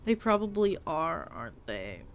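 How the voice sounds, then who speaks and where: A woman's voice: low voice, normal speed, slight background noise. Chatty, playful woman streamer. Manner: chatty and playful, teasing her chat and poking fun at herself; animated, with frequent filler "like" and mild swearing. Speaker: live streamer. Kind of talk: casual live-stream chat while playing a game.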